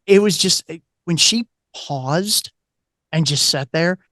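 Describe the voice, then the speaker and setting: A middle-aged man, a guest author telling an animated anecdote and acting out the voices in it. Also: a little high, slow, no room sound, studio quality. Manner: animated anecdote-teller, acts out quoted voices. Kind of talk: casual storytelling interview.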